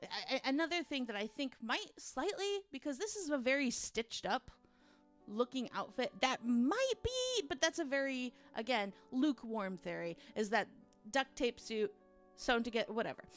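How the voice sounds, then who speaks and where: A woman ranting casually through a fan theory, rambling and animated, with emphatic asides and casual swearing. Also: high-pitched, moderate pace, soft background music. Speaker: video game fan theorist.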